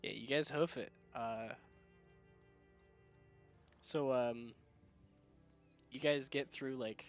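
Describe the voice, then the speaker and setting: A man's voice: medium pitch, fairly even intonation, slow pace, long pauses, lo-fi sound, faint music behind. A man running a tabletop game as game master, chatty and laughing often between filler words.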